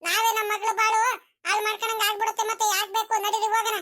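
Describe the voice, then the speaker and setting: A woman's voice: extremely high pitch, flat delivery, very fast, pushed and bright. A woman voicing a worried, nagging village mother in a comedy cartoon. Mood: urging. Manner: nagging, insistent.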